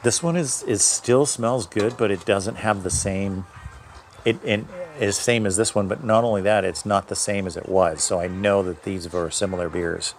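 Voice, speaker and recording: Low-voiced man thinking aloud. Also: fairly even intonation, moderate pace, slight background noise. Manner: thinks aloud, corrects himself mid-sentence; describes aromas and flavors in detail. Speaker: homebrewer reviewing his own beer. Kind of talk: casual tasting vlog.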